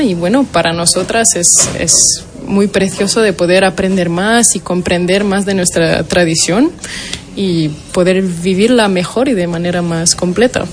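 A young woman in her twenties with a Portuguese accent, speaking Spanish as a second language and often pausing to find her words as she answers interview questions. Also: mid-range voice, a little hiss or hum. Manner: hesitant, searching for words. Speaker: interviewee, tuna member.

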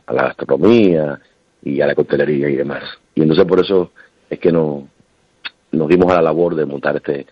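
Man, Cuban accent, very low voice, chatty, restarts, muffled dry phone line. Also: no room sound. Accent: Cuban Spanish. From Cuba. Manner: relaxed, chatty, many restarts. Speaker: restaurant owner and singer. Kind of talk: phone-in radio interview.

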